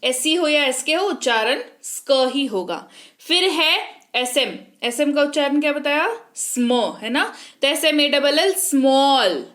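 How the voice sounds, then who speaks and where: A woman's voice: high-pitched, animated, unhurried, a bit bright. A young woman teaching English pronunciation in an online lesson, patiently explaining and quizzing her listeners with repeated questions.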